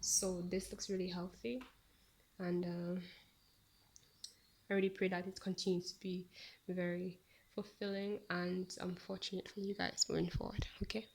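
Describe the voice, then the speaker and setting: Chatty woman with a gravelly voice. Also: fairly low pitch, level tone, moderate pace, pauses often. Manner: chatty, meandering, frequent ums. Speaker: tarot reader. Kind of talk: casual tarot reading to viewers.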